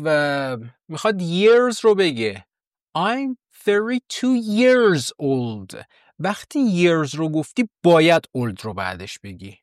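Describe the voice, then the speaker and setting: A man in his thirties from Iran, teaching English in a recorded lesson and repeating phrases slowly for practice. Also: on the high side, no echo, studio quality. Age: 30s.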